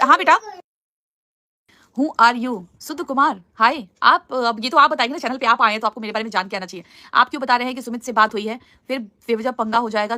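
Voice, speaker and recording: A woman's voice: on the high side, pushed and bright, dry recording. A woman hosting a casual live stream, answering viewer comments in an earnest, pleading way. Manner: earnest, pleading, repeats "please" often.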